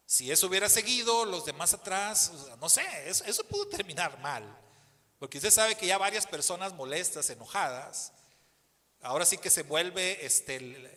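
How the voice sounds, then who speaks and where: Animated Mexican pastor in a reverberant hall. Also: male voice, fairly high pitch. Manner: animated storyteller who acts out the people in the story. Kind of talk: storytelling sermon. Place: church hall.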